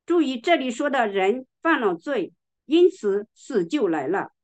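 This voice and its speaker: A woman delivers a sermon in a slow, measured way, leaning on each word as she reads scripture. Her voice sits somewhat high, and she clears her throat now and then. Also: big pitch swings. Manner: slow, deliberate, emphatic reading of scripture. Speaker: preacher.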